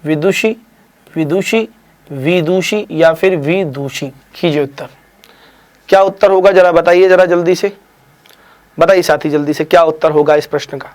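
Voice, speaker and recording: A high-voiced man runs a live online exam quiz as a Hindi exam teacher. He spells out words slowly and with care, then moves along with brief praise and some teasing.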